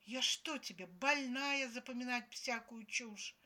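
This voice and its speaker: Woman voicing a naive, excitable young girlfriend. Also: fairly high pitch, slow, voice pushed up. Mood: grumpy.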